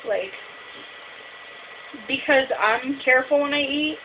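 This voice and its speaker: Young female vlogger, high voice, tongue piercing, casual rambling delivery full of filler "like", tinny hissy audio. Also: takes it slowly. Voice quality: speaking with a fresh tongue piercing. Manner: rambling, frequent "like". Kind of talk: casual chatty video diary. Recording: hissy, noisy, phone-like narrow sound.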